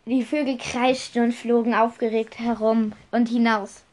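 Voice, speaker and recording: Halting woman improvising a story. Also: fairly high pitch, little pitch movement, darkish tone. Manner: halting, self-correcting.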